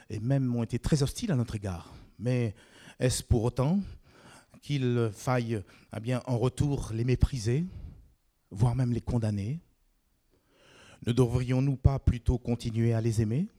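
Male preacher, sermon, mellow tone, animated, rises high for emphasis, questions the congregation. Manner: frequent fillers "eh bien".

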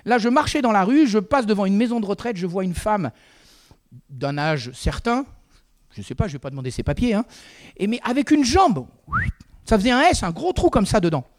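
A man's voice: sits high, very animated, moderate pace. A man preaching a sermon in a conversational way, with frequent asides to the congregation.

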